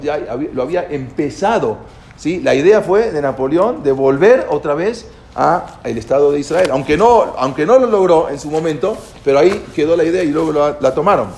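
A man giving an informal history lecture, halting and repeating words as he goes and often checking in with his listeners. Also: on the high side, darkish tone, slight background noise. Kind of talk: informal spoken lecture with storytelling.

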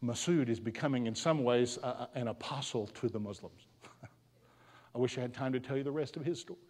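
A man giving a storytelling sermon as a guest speaker at a school, telling the story dramatically and sometimes dropping to a hushed voice. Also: mid-range voice, normal speed. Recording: long hall reverb.

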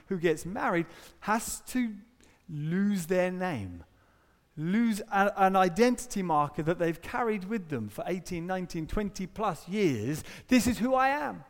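A man delivers a sermon in a high, light voice. He keeps it conversational, throwing in rhetorical questions and asides. His words ring out with a long reverb, as if filling a church hall. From Britain. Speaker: preacher.

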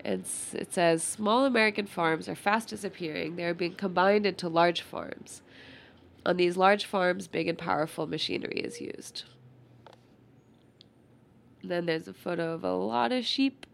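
A woman reads an old textbook aloud in a soft, unhurried voice, stopping now and then to comment. Her nose is stuffy, and her voice sits fairly low with a gravelly fry. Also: slight background noise. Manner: quiet, unhurried, pausing to comment on the text. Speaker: reader.

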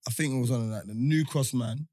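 Telling stories on his podcast, this Londoner chats in roadman street slang with lots of tag questions. He speaks at a quick pace in a warm, medium-pitched voice, recorded at studio quality with no echo.

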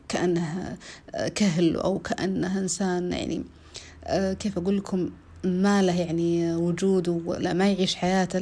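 Woman in her 30s, solo podcast host, low-ish voice, earnest, drawn-out fillers. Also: a little mellow. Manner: earnest, repeats herself, pauses on drawn-out fillers.

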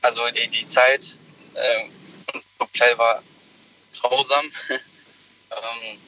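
A man's voice: mid-range voice, little pitch movement, drawn-out words, sharp tone. A man from Iraq calling in to a radio show on a mobile phone from a moving car. He hesitates with many ums, and the call keeps dropping out so his voice cuts in and out. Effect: phone call dropping out, voice cutting in and out. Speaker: caller. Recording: noisy broken-up phone line.

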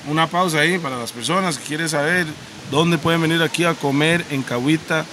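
Playful male podcast host, slightly high voice, casual banter. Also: a little fast, noisy background. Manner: joking, playful. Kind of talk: casual chat.

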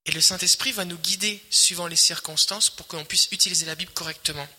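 Male pastor, high and very bright voice, emphatic repeating sermon delivery, long hall reverb. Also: fairly even intonation, quick pace. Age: adult, married. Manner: emphatic, repetitive preaching with swells and quiet drops.

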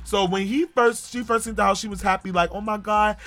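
A man's voice: high-pitched, steady tone, fairly quick, a bit bright. A man co-hosting a casual chat show, gossiping about reality TV in a playful, teasing way. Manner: playful, teasing, breaks into song and impressions. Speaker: co-host.

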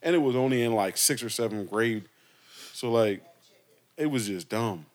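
A young man co-hosting a podcast in casual chat, telling animated childhood stories in loose slang. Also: mid-range voice, moderate pace. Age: young adult. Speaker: podcast host.

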